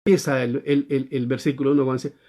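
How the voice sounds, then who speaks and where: A man's voice: mid-range voice, level tone, quick pace, dark tone. A male pastor with a Chilean accent preaching a church sermon, teaching and often asking his listeners questions. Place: church service during quarantine.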